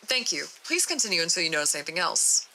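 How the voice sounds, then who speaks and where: A woman's voice: on the low side, sing-song, fast, bright, forceful tone, slight background noise, full character voice, rough recording. A woman voicing a formal interviewer who gives short, polite orders in a horror story reading. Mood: curt. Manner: curt, formal instructions.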